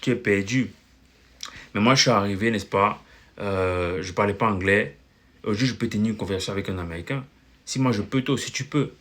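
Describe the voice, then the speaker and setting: A man from Cameroon, giving casual, animated advice to viewers and repeating his points. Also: on the low side, brisk. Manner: animated, repetitive, calls viewer brother. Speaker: language-learning vlogger.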